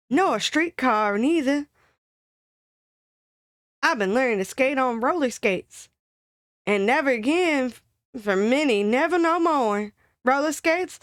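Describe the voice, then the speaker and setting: A woman's voice: sits high, dry recording, studio quality. A woman voicing a chatty, dramatic young working-class woman in an old-timey comic monologue, gabbing in folksy slang. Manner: gabby, colloquial, exaggerated storytelling.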